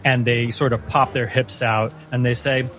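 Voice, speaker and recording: A man's voice: medium pitch, flat delivery, a bit bright, a little hiss or hum. A man narrating a tabletop fantasy game as game master. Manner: slow, descriptive.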